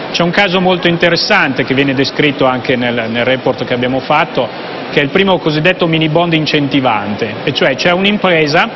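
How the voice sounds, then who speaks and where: Measured academic man, muffled noisy hall. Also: on the high side. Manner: measured, explanatory. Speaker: professor, interview guest. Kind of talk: expert interview answer. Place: convention hall TV set, indoors. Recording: muffled broadcast audio with background noise.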